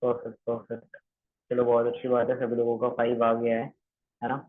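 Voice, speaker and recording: Brisk and monotone, this medium-pitched trainer from Maharashtra walks trainees through a calling script over tinny, phone-like audio. He's repetitive and keeps checking their understanding, slipping English phrases into his Hindi.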